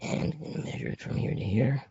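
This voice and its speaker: A man with a raspy, papery, hoarse voice presenting an informal slide lesson as an instructor, plain-spoken and conversational. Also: quick pace, warm tone, faint music behind. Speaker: trading instructor presenting a webinar. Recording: dry, muffled lo-fi audio.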